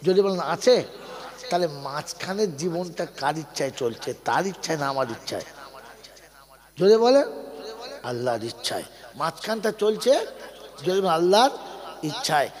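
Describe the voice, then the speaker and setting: A male preacher delivers a lively sermon, telling stories and calling on the crowd to answer him. His voice sits high and swings widely in pitch. It rings out with a long reverb. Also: normal speed, long pauses. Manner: storytelling, calls on the audience to answer.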